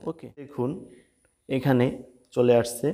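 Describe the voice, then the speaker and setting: A man leads a recitation lesson in a mid-pitched voice. He stretches each Arabic word into a slow, sung chant, then drops back into quick, plain explaining. Between the two he spells the words out letter by letter, vowel mark by vowel mark. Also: little pitch movement, dark tone. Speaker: religious teacher.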